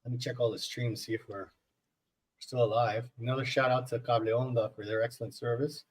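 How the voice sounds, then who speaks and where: A man's voice: medium pitch, little pitch movement, brisk. A man co-hosting a casual livestream podcast, telling history in a rambling, joking way. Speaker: podcast co-host.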